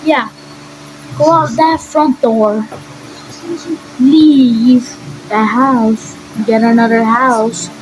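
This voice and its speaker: A woman's voice: on the high side, fairly even intonation, drawn-out words, pauses often, background noise. A woman giving casual reaction commentary in an exclaiming, repetitive, slangy way. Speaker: reaction video creator.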